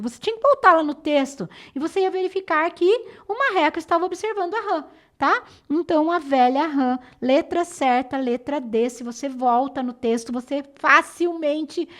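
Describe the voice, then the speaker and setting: A woman teacher with a Brazilian Portuguese accent, going over exam answers in a lesson and explaining patiently and clearly. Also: high-pitched. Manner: clear, patient explaining, slows down to stress syllables.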